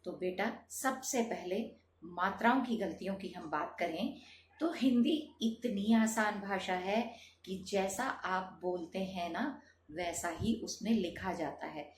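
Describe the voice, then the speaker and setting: A woman's voice: mid-range voice, slow, reverberant, a little hiss or hum. A woman teaching a Hindi lesson to students, calling them children and asking rhetorical questions.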